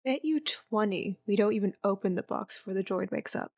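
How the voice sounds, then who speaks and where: In a sci-fi audio drama, a woman plays a cool, sardonic young operative who teases her sister, delivering her lines deadpan with a cool, assured air. Her mid-range voice moves fairly quickly.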